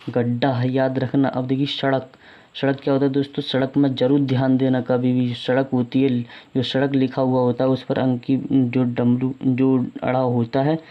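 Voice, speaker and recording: Flat-voiced man teaching spelling, lo-fi. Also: mid-range voice. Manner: repeats each point, quizzing the listener. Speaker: exam-prep teacher. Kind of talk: casual spelling lesson. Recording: dull lo-fi sound.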